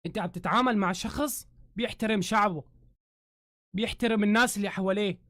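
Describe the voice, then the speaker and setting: A Syrian man with a Syrian Arabic accent, ranting heatedly on a live stream, swearing oaths and shouting in bursts. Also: high-pitched, fast talker, noisy background. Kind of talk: angry live-stream rant. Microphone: phone camera.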